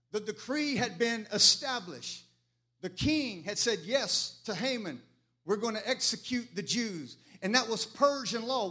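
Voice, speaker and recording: A male pastor preaching a sermon, rising into chanted, fervent waves and dropping to quieter stretches. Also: very high-pitched. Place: church sanctuary.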